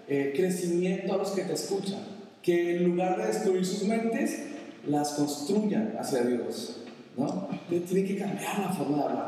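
A man's voice: high-pitched, a little mellow. A male pastor preaching a sermon, reading Bible verses and explaining them to the congregation with everyday examples. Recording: roomy reverberant hall, distant mic, faint background noise.

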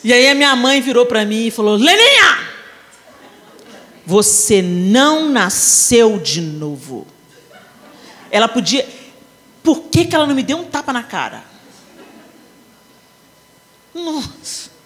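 A woman's voice: fairly high pitch, moderate pace, pauses often. A woman with a Brazilian Portuguese accent preaching at a women's conference, telling family stories with humor and acting out the scenes. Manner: animated, acts out family scenes with shifting voices. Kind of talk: sermon with humorous storytelling. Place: large conference hall. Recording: long hall reverb.

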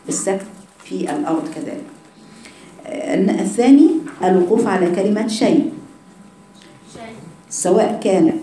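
A woman's voice: mid-range voice, warm tone. A woman with an Egyptian Arabic accent teaching Quran recitation, correcting her students by saying words again and again. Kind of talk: religious lesson with students. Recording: echoey room, faint ambient noise.

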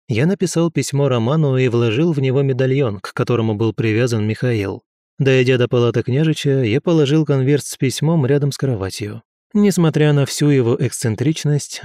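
A man reading a first-person story as an audiobook narrator in a steady, even way. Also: mid-range voice, no echo, studio quality.

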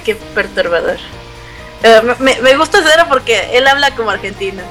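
A woman's voice: a little high, animated, fairly quick, fairly bright tone, faint music behind. A woman guest on a podcast, chatting in a playful, affectionate way. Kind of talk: casual chat.

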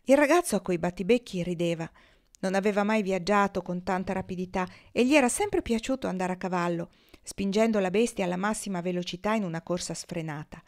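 A woman reading a story aloud, animated. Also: medium pitch, brisk. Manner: lively, animated narration. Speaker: audiobook reader.

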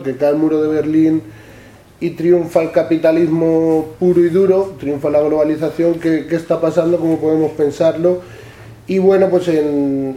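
A man from La Mancha, Spain, is presenting his books in a public talk before an audience in an echoey event room. He speaks haltingly, repeating words and often tacking on "¿no?", and his voice is fairly high with a dark tone.

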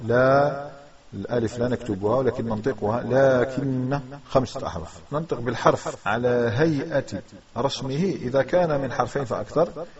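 A man with a Maghrebi Arabic accent teaching a religious grammar lesson, methodically repeating rules and posing questions to the class. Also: medium pitch. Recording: distant dull recording with a crowd audible.

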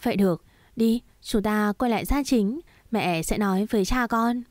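A woman voicing a gentle, patient middle-aged mother who soothes her daughter in a storybook reading, with a soft coaxing tone and a dry recording. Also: medium pitch, normal speed, no room sound, natural voice.

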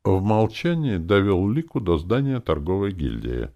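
A male audiobook narrator with a very low voice and a lively, swinging pitch. He reads in the first person, dry and wry. Comic moments get a light, knowing touch. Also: normal speed.

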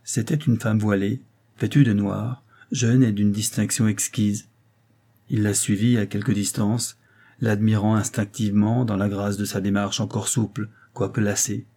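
A man reading a classic novel aloud as an audiobook, in a measured, calm way. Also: fairly low pitch. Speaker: audiobook reader. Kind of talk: literary audiobook narration.

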